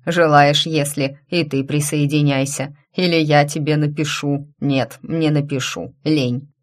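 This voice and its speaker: A woman's voice: low-pitched, steady tone, a little slow. A woman voicing a burly male werewolf coworker who talks in a lazy, mocking drawl.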